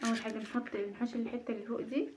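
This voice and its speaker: A woman's voice: a little high, level tone, very fast, noisy background. A woman in her thirties with an Egyptian accent, a mother chatting casually in a home vlog, nervous and self-mocking. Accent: Egyptian Arabic. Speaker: vlogger, mother. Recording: dull lo-fi home recording.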